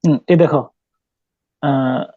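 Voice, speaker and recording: A man's voice: medium pitch, steady tone, slow, warm tone, no room sound, lo-fi sound. Man teaching poetry to a class. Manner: stops to quiz students, mixes English terms, many hesitations.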